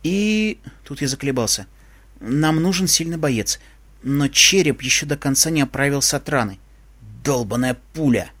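A man reading an audiobook as a first-person narrator, expressive in his storytelling. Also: a little high, moderate pace.

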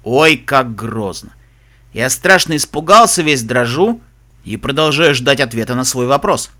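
A lazy stallion spy drawls ironic teasing in a bright, lively voice, as a male narrator puts him on. He sounds unbothered and mischievous. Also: medium pitch, unhurried, pitched below the performer's own voice. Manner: drowsy, ironic.

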